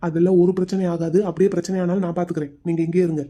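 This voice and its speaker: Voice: mid-range voice, flat delivery, racing, dark tone, natural voice. A voice actor playing a curt, protective young husband in a cartoon story, speaking firmly. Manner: firm, curt.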